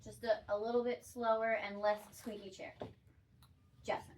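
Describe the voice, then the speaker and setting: A woman coaching students through a video shoot in a school classroom, animated and teasing as she gives directions. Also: a little high, normal speed, distant mic, a crowd in the background.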